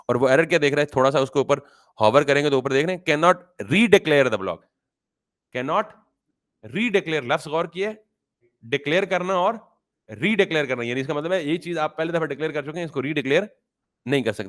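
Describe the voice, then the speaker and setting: Speaking in a mid-range, slightly bright voice, a man teaches programming to beginners. Everyday examples and English terms fill his lesson, and he frequently questions his class and supplies the answers himself.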